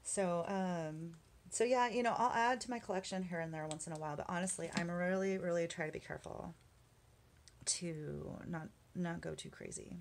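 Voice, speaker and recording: A woman chatting casually at her craft desk as she works on a journal page, rambling with lots of fillers and small laughs, and sometimes muttering quietly to herself. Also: lowish voice, moderate pace, slight background noise. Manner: mutters softly to herself while working. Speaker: craft vlogger. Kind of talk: casual chat while crafting. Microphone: camera on the work desk.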